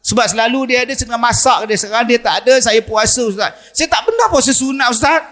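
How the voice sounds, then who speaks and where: A man's voice: very high voice, fast talker, a bit bright. A middle-aged man with a Malaysian Malay accent preaching a sermon in a mosque, telling stories and acting out the voices of the people in them.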